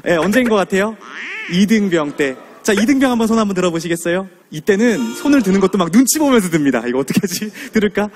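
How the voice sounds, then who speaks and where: A man in his thirties from Suwon gives a motivational lecture, acting out scenes and asking the audience questions. His high voice leaps and dips with lively energy, over music in the background. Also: fast. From Suwon, South Korea. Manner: animated, asks the audience questions, acts out scenes. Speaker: guest lecturer.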